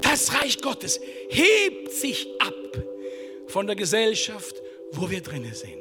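A man preaching a sermon as pastor of his church, emphatic, swinging from shouted lines down to hushed whispers. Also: sits high, wildly swooping pitch, slow pace. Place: church service. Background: music.

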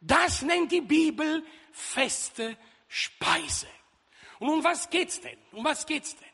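A man preaching a sermon in a church hall, lively and jokey with loud outbursts. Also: extremely high pitch, gravelly, breathy edge. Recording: reverberant hall.

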